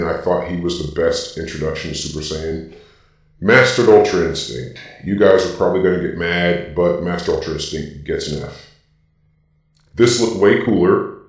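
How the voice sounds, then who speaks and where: Ranking anime transformations, a man puts on a robotic villain persona modeled on Darth Vader, using a voice filter to deliver forceful, opinionated explanations in a casual way. The voice sits low, heard far from the mic in a very echoey space.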